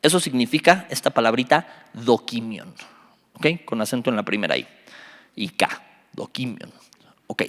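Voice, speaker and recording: A man, a youth pastor teaching a Bible study, animated and joking, quizzing his listeners. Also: mid-range voice, moderate pace. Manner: animated, quizzes the audience, jokes. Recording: reverberant hall.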